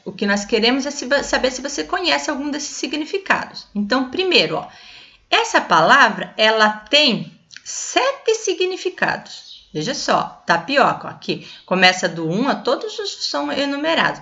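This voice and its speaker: Brazilian woman, teacher, lively pitch, high-ish voice, patient explaining to kids, dull lo-fi sound. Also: measured pace. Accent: Brazilian Portuguese. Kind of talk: classroom lesson for children.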